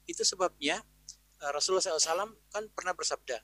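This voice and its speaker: A man's voice: sits high, very fast, sharp tone, slight background noise, low-quality recording. Man giving an explanatory parenting talk. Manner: conversational and explanatory, often acting out quoted parents and teachers. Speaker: Islamic parenting speaker. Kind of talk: webinar talk answering a question.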